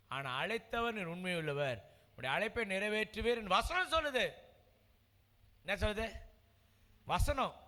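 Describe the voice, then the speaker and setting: A man's voice: high voice, bright, forceful tone, in a large hall. A man preaching a heartfelt sermon, repeating words with emotional, earnest delivery. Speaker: pastor. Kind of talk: sermon testimony.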